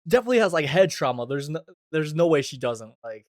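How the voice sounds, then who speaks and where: A man's voice: a little high, very animated, fast talker, slight background noise. A man streaming casual reaction commentary, talking informally with lots of "like" and some swearing.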